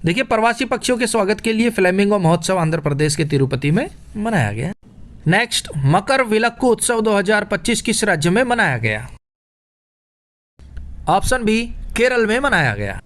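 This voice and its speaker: At a moderate pace, an exam coaching teacher with a high-pitched, very animated and slightly bright voice runs a current affairs quiz lesson. He keeps it playful with jokey mnemonics and addresses his listeners as brother.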